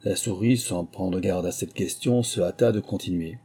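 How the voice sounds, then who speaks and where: A man narrating a storybook with a measured, expressive reading. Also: low voice, slightly rough. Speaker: audiobook narrator.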